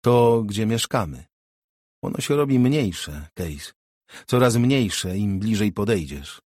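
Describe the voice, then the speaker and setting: Anxious young woman, read by a husky-voiced man. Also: fairly low pitch, expressive, takes it slowly, dry recording, clean studio sound. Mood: uneasy. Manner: trembling, soft-spoken. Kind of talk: audiobook character voice.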